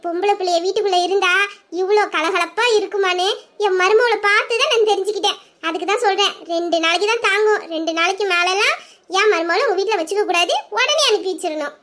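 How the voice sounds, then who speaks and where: Woman doing a mother-in-law, village drama, chatty, teasing, very high voice, fast. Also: a bit bright. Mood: fond. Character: cheerful village mother-in-law, fond of her daughter-in-law.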